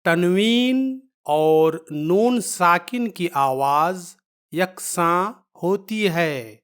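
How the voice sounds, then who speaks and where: Patient woman teacher, slightly low voice, slow and repetitive. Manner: patient, repeats each point, drawn-out letter sounds. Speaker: Quran reading teacher. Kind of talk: slow step-by-step lesson.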